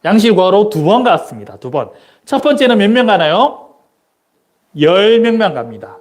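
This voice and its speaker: High, lively male preacher quizzing his congregation. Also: normal speed. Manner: quizzes the congregation, then answers his own questions. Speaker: missionary preaching. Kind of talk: interactive Sunday sermon. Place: church sanctuary during a service. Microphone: church microphone.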